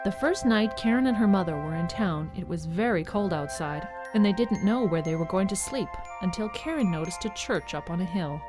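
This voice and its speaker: A woman with a lowish, lively voice recaps a scripted radio serial in storybook style, speaking directly to her listeners. She talks fairly quickly with few pauses, backed by music featuring jingling bells.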